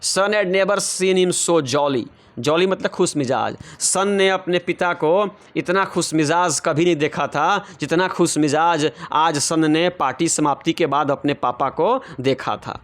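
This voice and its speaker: A man's voice: fairly high pitch, slow, a bit bright. A male English teacher explaining a story line by line in Hindi, often speaking directly to the children. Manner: translates line by line, addresses children.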